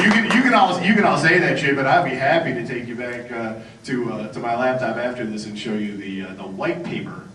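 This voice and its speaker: A man giving a sarcastic, profane conference talk, mocking his targets and bantering with the audience. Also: mid-range voice. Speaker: conference speaker. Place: conference hall. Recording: echoey hall, distant mic, noisy.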